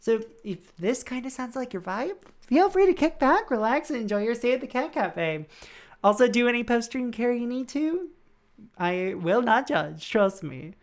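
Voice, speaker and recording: A woman's voice: on the high side, animated, normal speed. A woman hosting a video game livestream with casual, friendly chat in a cute anime-streamer manner. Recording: background music behind the voice. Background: music.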